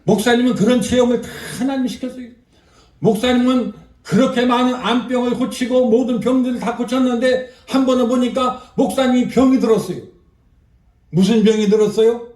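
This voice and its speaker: A woman's voice: a little high, steady tone, brisk, dark tone. An older woman pastor preaching an emphatic revival sermon, calling out hallelujahs and prompting the congregation. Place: church. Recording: roomy echo, voice picked up from a distance.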